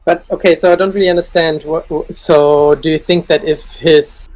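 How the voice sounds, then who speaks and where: A man's voice: a little high, fairly even intonation, moderate pace, a little mellow, rough recording. A man playing a tabletop game, thinking aloud and hedging with fillers. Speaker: player. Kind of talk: tabletop role-play chat.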